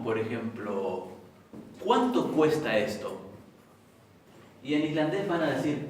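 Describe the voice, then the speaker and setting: A man teaching a language class, patiently explaining and repeating examples slowly. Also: mid-range voice, slight background noise. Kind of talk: lecture in a class. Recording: echoey room from far off.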